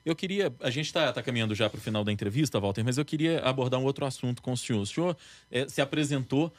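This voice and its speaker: A man hosting an interview, asking long, measured questions. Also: mid-range voice, dry recording. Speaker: interviewer, host.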